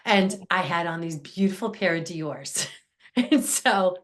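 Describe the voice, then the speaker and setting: A middle-aged woman hosting a podcast, telling stories in a lively, casual way with frequent laughter and fillers. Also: fairly low pitch, a little slow. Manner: animated, laughs often, many fillers. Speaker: podcast host. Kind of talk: casual chat, storytelling.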